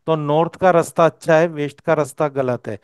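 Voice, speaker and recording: A man's voice: fairly high pitch, steady tone, a little fast, smooth, no echo, clean studio sound. A man teaching a course, explaining step by step and often checking that his student follows. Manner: explanatory, checks understanding with "okay?". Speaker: vastu teacher.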